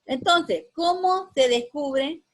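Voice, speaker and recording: Woman teacher, higher voice, patient and repetitive grammar lesson. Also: poor audio. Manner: patient, repeats words slowly for students.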